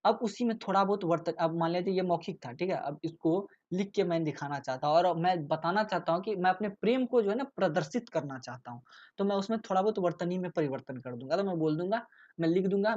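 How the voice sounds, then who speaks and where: A tutor gives a casual exam-prep lecture in a high-sitting, lively male voice with a brisk pace and a darkish tone, the highs cut off. He explains through rhetorical questions and checks in often, frequently tacking on "ठीक है".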